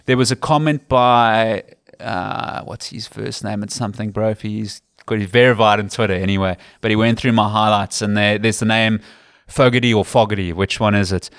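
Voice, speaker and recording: A man's voice: fairly low pitch, fairly bright tone, smooth, no room sound, studio quality. A man from Africa, a rugby commentator and guest telling stories earnestly in a casual interview. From South Africa. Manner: earnest, explanatory storytelling.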